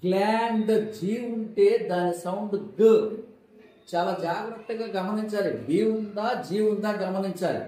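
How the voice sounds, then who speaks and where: A man's voice: sits high, steady tone, unhurried, dark tone. Man teaching phonics in a very echoey room. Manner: asks questions and answers them himself, drilling repetition. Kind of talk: classroom-style phonics lesson.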